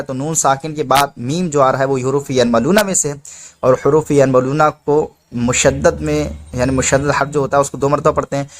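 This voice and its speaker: A man teaching Quran reading step by step, patiently explaining each rule and drawing out the letter names as he recites them. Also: on the high side.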